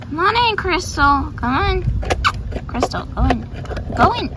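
A woman telling a toy horse role-play story in a chatty, lively way. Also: high voice, a little slow. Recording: noisy background.

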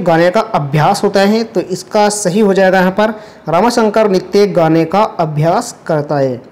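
A man's voice: sits high, a little mellow. A man teaching a lesson, going through a past exam paper step by step and patiently repeating each correction, with English terms mixed in. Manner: step-by-step explaining, mixes English terms into Hindi.

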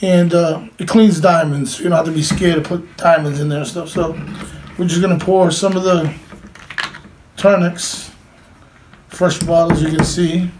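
In a small room with a cloth backdrop, a middle-aged man talks through a hands-on demonstration, informal and plain-spoken. His noticeably high voice stays level at normal speed, with long pauses. A camera across the table records him, and the home audio has clear background noise.

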